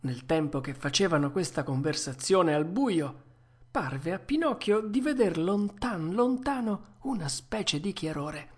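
A woman narrating a storybook in a measured, expressive manner. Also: lowish voice, breathy edge. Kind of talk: storybook reading.

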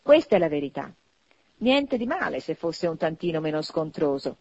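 A woman voicing a cheerful, hearty young man in a storybook reading, loud and animated. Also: low-pitched, moderate pace, dry recording, lo-fi sound, full character voice. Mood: good-humoured. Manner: loud exuberant laughter, animated.

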